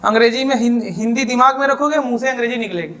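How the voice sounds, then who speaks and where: A man's voice: extremely high pitch, fast talker, fairly bright tone. A man teaching spoken English to a class in Hindi, asking the same question over and over to drill the students.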